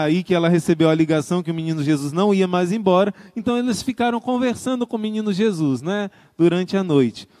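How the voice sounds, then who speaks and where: A man's voice: sits high, warm tone, dry recording, studio quality. A man, a religious brother, preaching in a tender storytelling manner and acting out a mother and her little daughter in dialogue. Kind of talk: storytelling sermon from a livestream.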